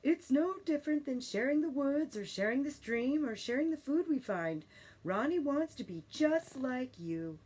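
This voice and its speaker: A woman voicing a gentle, loving mother raccoon in a storybook, with a soothing, reassuring and emphatic manner. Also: sits high, animated, moderate pace, voice pushed up, rough recording. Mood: explaining gently.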